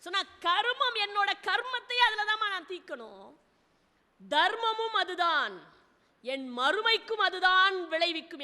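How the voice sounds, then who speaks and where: A woman's voice: very high-pitched, pushed and bright. A woman devotional speaker telling a sacred story dramatically, often speaking as its hero in the first person and posing rhetorical questions to her audience. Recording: long hall reverb.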